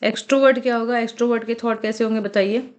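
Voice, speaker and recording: A woman's voice: on the high side, steady tone. Hindi-speaking woman teaching vocabulary. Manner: explains words in Hindi, reads English lines slowly; checks in often with short tag questions. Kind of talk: recorded exam-prep lecture.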